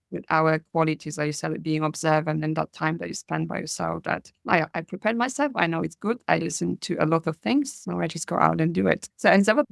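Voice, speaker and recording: A Polish woman hosts a podcast interview, asking long, chatty questions in a conversational style. Her voice is lowish and gravelly, recorded with studio quality and no echo.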